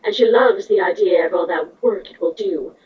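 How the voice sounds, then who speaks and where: A woman's voice: lowish voice, normal speed, close to an everyday voice. A woman voicing a proud, wary insect-like queen in a fan fiction reading, in a guarded, matter-of-fact manner. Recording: dull distant mic, noisy background.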